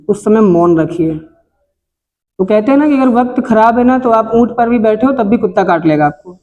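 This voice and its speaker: A middle-aged man with a north Indian accent lectures a classroom of students. His voice sits high for a man as he moralizes earnestly and throws rhetorical questions at the class. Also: a little mellow, highs cut off. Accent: Hindi, north Indian. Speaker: coaching teacher. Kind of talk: classroom life advice talk. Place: coaching classroom.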